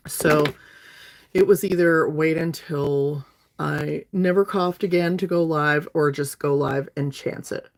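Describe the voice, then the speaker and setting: A North Alabama woman in her fifties does her makeup on a livestream, chatting with viewers in a friendly way. Her voice is low and deep-set with vocal fry, steady and slow, and a slight lingering cough stays with her.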